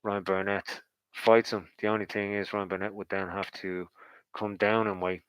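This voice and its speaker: A man's voice: fairly low pitch, little pitch movement, normal speed, a bit bright, clear, resonant tone, no echo, poor audio. A man giving casual, rambling boxing commentary in a conversational, speculative way, as if thinking aloud.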